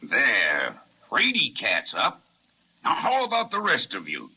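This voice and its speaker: An actor playing a huge, kindly giant in the folksy, reassuring style of an old children's radio serial. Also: male voice, medium pitch, wildly swooping pitch, takes it slowly, very noisy, heavily acted. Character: huge, gentle, kindly, weak-eyed giant. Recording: dull, band-limited vintage radio recording.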